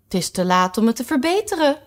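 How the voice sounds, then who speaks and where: A woman's voice: fairly high pitch, big pitch swings, quick pace, pitched above the performer's own voice. A woman reading aloud who voices an imperious, lecturing queen in a storybook, with clipped questioning. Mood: stern. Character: stern, bossy Red Queen quizzing a girl.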